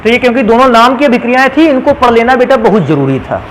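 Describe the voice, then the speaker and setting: A man teaches a chemistry class quickly in a very high, sing-song, slightly bright voice, calling students "beta." He poses questions and answers them himself, captured on a low-quality recording with slight background noise.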